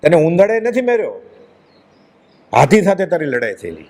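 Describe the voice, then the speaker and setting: Guy doing an old royal charioteer, calm and consoling, kinda high voice. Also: moderate pace. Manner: solemn, consoling address. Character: ancient royal charioteer consoling a dying lion.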